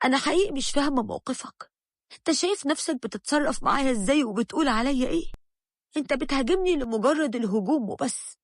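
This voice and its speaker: A woman's voice: high-pitched, lively intonation, fast talker, no room sound, studio quality. A woman with an Egyptian accent voicing a young working wife who speaks firmly and with hurt in a storybook tale.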